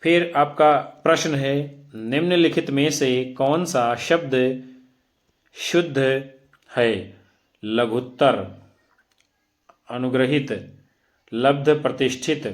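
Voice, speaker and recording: A man teaching exam preparation, reading quiz options aloud and explaining each answer to his students in a measured, deliberate way. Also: mid-range voice, steady tone. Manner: addresses students directly, repeats options aloud.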